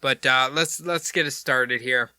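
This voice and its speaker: Bright-voiced joking male podcast host. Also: medium pitch, steady tone, unhurried, clear, resonant tone, no echo. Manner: rambling and jokey, with crude asides. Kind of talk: casual podcast chat and case retelling.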